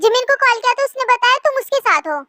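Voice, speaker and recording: A woman's voice: extremely high pitch, expressive, quick pace, bright, forceful tone, no echo, voice pushed up, exaggerated voice. A young woman voicing a caring, worried mother who coaxes and soothes, in a storybook reading. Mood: coaxing. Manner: soothing, coaxing. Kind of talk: storybook voice acting. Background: faint background music.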